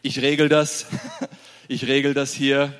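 A man's voice: mid-range voice, little pitch movement, measured pace, fairly bright tone, clear, resonant tone, close to an everyday voice. A man voicing a brash, eager male disciple who takes charge and then gets flustered, recorded in a reverberant hall. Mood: cocky.

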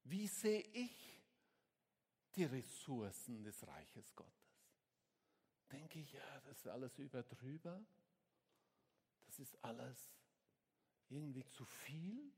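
A man preaching a sermon as a pastor, swinging between hushed words and sudden shouts to his congregation. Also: mid-range voice, sing-song, slow pace, long pauses, husky, in a large hall. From Switzerland.

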